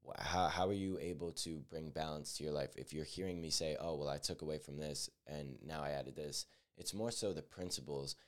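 A man's voice: very deep voice, fairly quick, hardly any pauses. A nineteen-year-old man hosting a solo podcast, talking earnestly and reflectively, often restarting his sentences and leaning on fillers. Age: teens. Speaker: podcast host.

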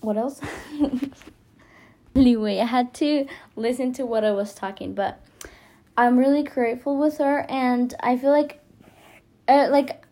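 This high school freshman hosts a podcast, and her high-pitched, dark-toned voice moves at a measured pace with long pauses. A native Spanish speaker with a Spanish accent, the teenager delivers a casual, hesitant, self-conscious monologue that rambles.

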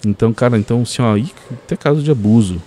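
A man's voice: medium pitch, racing. A man telling a story as a podcast guest, full of fillers like "cara". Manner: animated storyteller, many fillers like "cara" and "assim, ó".

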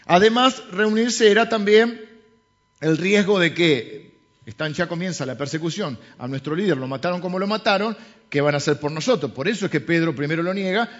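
A man's voice: high voice, brisk. A man with a Rioplatense Spanish accent preaching a sermon as a pastor, joking and conversational, full of rhetorical questions. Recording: slightly dull lo-fi sound.

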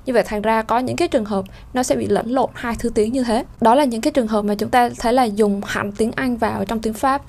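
Woman teacher, higher pitch, patient explanatory lesson delivery. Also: quick pace, hardly any pauses, darkish tone. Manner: explanatory, many fillers, demonstrates vowel sounds. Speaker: French pronunciation teacher. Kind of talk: spoken lesson.

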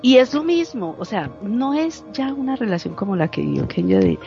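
A woman tells a personal story in a casual, expressive way, laughing and imitating the voices in her own dialogue. Her voice sits at an average pitch for a woman. The recording is a bit dull and lo-fi, with soft music behind her. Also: moderate pace, creaky. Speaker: guest sharing a story. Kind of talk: casual chat. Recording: slightly dull lo-fi audio, faint music.

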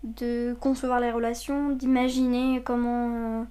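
A woman's voice: a little high, little pitch movement, measured pace, dark tone, smooth. A woman in her twenties who grew up in Saudi Arabia, speaking hesitantly with many fillers and restarts in a personal testimony. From Saudi Arabia, of Lebanese parents. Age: 20s. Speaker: interviewee.

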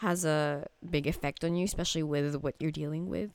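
A young woman chats casually as a podcast co-host. Her voice is on the low side and stuffed up from a cold with a sore throat, in a dry, close recording. She is chatty and prone to giggling. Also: fairly even intonation, brisk, a little mellow, clear, resonant tone, dry recording. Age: young adult.

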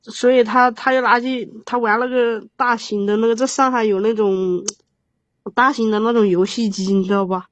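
A woman in her thirties tells a long, painful personal story on an advice call, rambling and halting with many restarts. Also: fairly high pitch, fairly even intonation. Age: 30s. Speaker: caller. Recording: dull lo-fi sound, dry.

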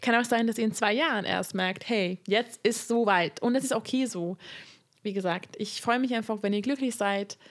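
A woman hosting a casual podcast, chatty and relaxed, giving advice and laughing often. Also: fairly high pitch, normal speed. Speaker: podcast host.

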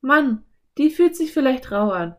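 Brief: storybook little girl, curious and bold, high bright eager voice, done by a female reader. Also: big pitch swings. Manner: high, eager, quick exclamations.

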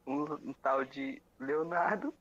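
A man's voice: mid-range voice, slow pace, a bit bright, no room sound, highs cut off. A man calling in to a show, complaining in a mock-wounded, melodramatic way. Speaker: caller.

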